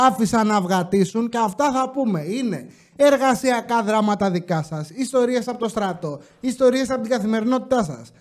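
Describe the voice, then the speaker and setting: A man's voice: high-pitched, a little mellow. A man hosting a casual podcast, joking around and reading listeners' stories aloud. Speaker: podcast host.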